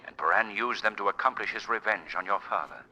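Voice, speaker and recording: An actor playing a mysterious, stern invisible avenger in a 1940s radio drama, with theatrical authority. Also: male voice, fairly low pitch, quick pace, sharp tone, muffled recording, a little hiss or hum. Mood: grave, mysterious. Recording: reverberant old 1940s radio broadcast.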